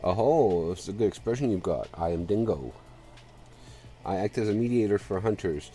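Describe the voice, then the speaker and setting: A man's voice: fairly low pitch, lively intonation, normal speed, mellow, natural voice. A man reading aloud the lines of a male hunter mediator in a video game, in a plain delivery. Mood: friendly.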